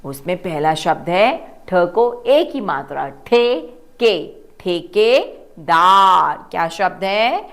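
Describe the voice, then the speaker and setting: A woman teaching children to read, sounding out words slowly syllable by syllable and asking them to repeat. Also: lowish voice, very animated. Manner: slow, drawn-out syllable-by-syllable pronunciation. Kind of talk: children's reading lesson.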